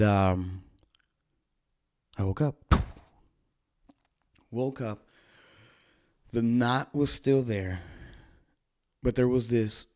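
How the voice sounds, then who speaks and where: A man in his thirties casually telling his viewers a story, animated, with gasps, restarts and trailing phrases. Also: fairly low pitch. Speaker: vlogger.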